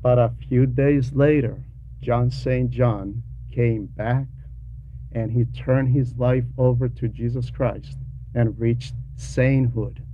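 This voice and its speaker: Here a man with a steady, mid-range voice delivers a translated homily to his class as a religious teacher. He speaks slowly and instructively, pausing often between brief phrases, repeating key words, and putting rhetorical questions to his listeners. Faint noise runs under the dull, low-fidelity audio.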